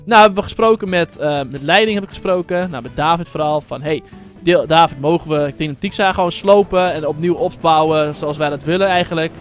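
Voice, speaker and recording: A man's voice: fairly high pitch, a little fast, soft background music. A man hosting his own gaming channel, giving casual, rambling commentary full of fillers and slang.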